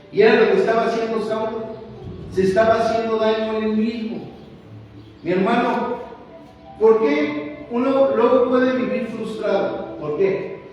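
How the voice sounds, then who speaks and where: A man's voice: high-pitched, a little mellow, lo-fi sound, slight background noise. A man preaching a sermon in a church, fervent and repetitive, often calling out to "my brother". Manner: fervent, repeats phrases, keeps calling out "my brother". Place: church hall. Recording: echoey hall from far off.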